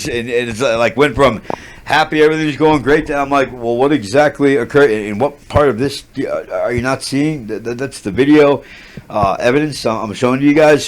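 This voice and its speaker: A man of middle pitch rants without a script, agitated and swearing. He restarts his sentences again and again and fills the gaps with fillers. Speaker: channel host. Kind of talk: unscripted rant to camera.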